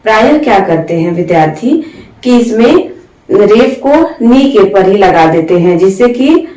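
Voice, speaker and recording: A woman teaching Hindi spelling rules, slowly drawing out each example word and mixing English words into her Hindi. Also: mid-range voice, animated, warm tone, echoey room, far from the mic, rough recording. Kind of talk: spelling lesson.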